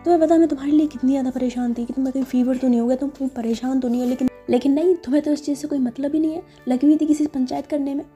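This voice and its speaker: A woman's voice: sits high, fairly even intonation, racing, hardly any pauses, dark tone, faint music behind, close to an everyday voice. A woman voicing a jealous, hot-tempered young woman who scolds sharply and sulks. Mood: angry, accusing.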